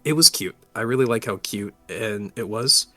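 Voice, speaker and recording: Bright-voiced man joking among friends. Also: fairly low pitch, normal speed. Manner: animated, joking, hesitant fillers. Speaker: podcast co-host. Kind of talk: casual chat.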